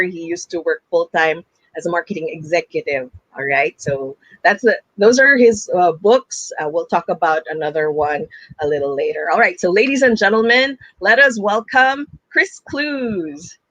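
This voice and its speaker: Bright-toned male talk show host. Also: high voice, no room sound, highs cut off. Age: late 40s. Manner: chatty, upbeat, laughs often.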